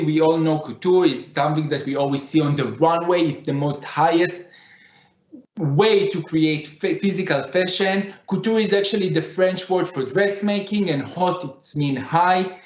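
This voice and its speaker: A man with a Middle Eastern accent, a non-native English speaker, giving a conference lecture and repeating phrases for emphasis. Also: fairly high pitch. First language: not English. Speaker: conference speaker, digital fashion designer. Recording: echoey room, slightly dull sound.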